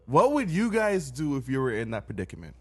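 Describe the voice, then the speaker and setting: A man's voice: medium pitch, a little fast, husky. A man co-hosting a casual chat podcast, talking bluntly and swearing freely. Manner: animated, blunt, swears often. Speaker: podcast co-host.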